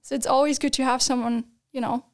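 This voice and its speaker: A woman in her twenties, on a podcast as a student guest, speaks briskly in a high-pitched voice with a flat delivery. Her casual talk is peppered with laughter, fillers, and restarts.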